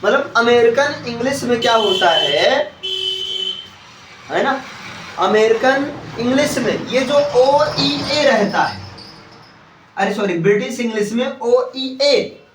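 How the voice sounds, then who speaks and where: A man teaching a class, spelling words out letter by letter and often asking the students if it is clear. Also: very high voice, animated, takes it slowly, pauses often, noisy background. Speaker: English teacher. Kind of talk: classroom lesson with call and response. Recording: roomy classroom audio from a distance.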